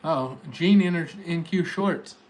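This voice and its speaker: Speaking in a Tennessee accent, a man from Tennessee, United States, who day trades hosts a livestream and addresses chat viewers informally. His voice is on the high side and darkish, a little slow, and the recording is rough.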